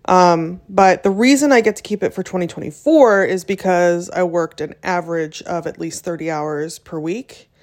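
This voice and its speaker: A woman's voice: on the low side, normal speed, a little mellow. A young adult woman hosting a casual solo podcast, chatty and loose, full of ums and likes, with little self-deprecating laughs. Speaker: podcast host.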